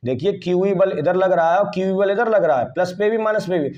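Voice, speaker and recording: A man's voice: sits high, fast, a little mellow, highs cut off. A man teaching physics at a board with a Hindi-speaking Indian accent, repeating key terms and asking questions back to the class. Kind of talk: whiteboard lesson.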